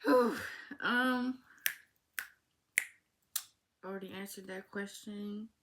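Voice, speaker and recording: A woman's voice: medium pitch, steady tone, a bit bright, a little hiss or hum. An eighteen-year-old woman talking casually to her viewers in a heartfelt vlog Q&A, calling them y'all. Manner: talks slowly, informal and heartfelt, addresses viewers as y'all. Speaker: vlogger. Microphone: phone.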